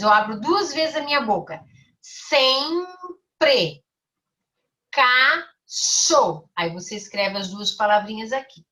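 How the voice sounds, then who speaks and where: Primary school teacher, woman, bright and crisp, slow and careful with the children, mic set back. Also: mid-range voice, far from the mic. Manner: slow, over-articulated for children. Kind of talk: recorded online class.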